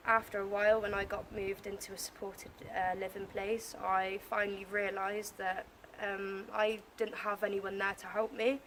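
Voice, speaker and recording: A woman's voice: medium pitch, level tone, normal speed, hardly any pauses, fairly bright tone, slight background noise. A woman of twenty, a care leaver, talking earnestly to camera about her life. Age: 20s. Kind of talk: interview to camera.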